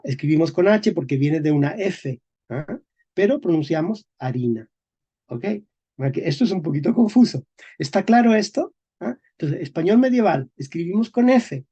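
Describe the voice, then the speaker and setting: A teacher of Spanish historical phonology gives a classroom lecture on sound changes in a high, mellow voice with a breathy edge, captured in lo-fi sound. He goes slowly and deliberately, repeats key words, and checks in with "¿ok?" and "¿eh?" after nearly every phrase.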